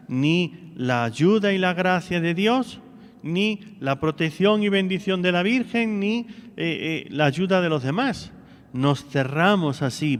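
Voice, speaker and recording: A man's voice: fairly high pitch, in a large hall. A priest giving a homily, preaching earnestly and asking his listeners one rhetorical question after another.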